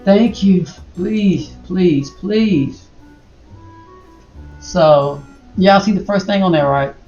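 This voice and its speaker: A middle-aged woman, chatting casually to her viewers as she browses and reacts out loud. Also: lowish voice, extremely slow, dull audio. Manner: animated, exclaims and talks to viewers as y'all. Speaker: vlogger. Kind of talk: casual vlog commentary while browsing online. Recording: echoey room with faint music.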